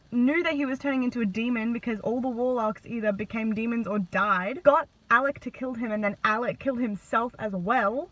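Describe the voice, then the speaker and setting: On noisy, glitchy amateur phone audio, a woman vlogger gives a casual reaction to a book, retelling the novel with slang-filled gushing and sarcastic side comments. Her voice is a little high and sharp in tone.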